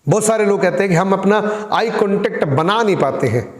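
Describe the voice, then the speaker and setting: Addressing listeners as friends, a man teaches a spoken lesson on communication skills, showing how tone shifts the meaning of identical words by repeating the same lines in different ways. His voice is high with lively intonation and a slightly fast pace. The room adds an echo with long reverb.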